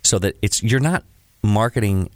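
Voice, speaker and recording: Deep-voiced earnest male podcast co-host. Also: moderate pace, no room sound, clean studio sound. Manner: earnest, explaining, agreeing often. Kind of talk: casual chat.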